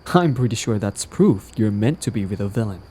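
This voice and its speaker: A man's voice: fairly low pitch, expressive, a little fast, mellow, breathy edge. A man playing a smug, possessive young villain in a romantic audio drama, talking in a casual, teasing, cajoling way. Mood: smug, coaxing. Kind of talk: roleplay audio drama, conversational acting.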